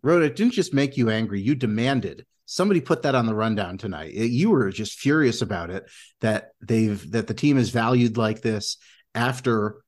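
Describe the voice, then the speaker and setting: A man's voice: on the low side, lively intonation, normal speed, darkish tone. A man co-hosting a casual sports podcast, joking and teasing his co-hosts. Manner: teasing, playful. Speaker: podcast co-host.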